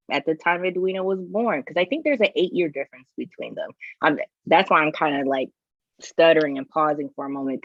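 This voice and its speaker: A woman's voice: sits low, no room sound, highs cut off. A woman co-hosting a casual podcast chat, thinking aloud and restarting her sentences. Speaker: podcast co-host.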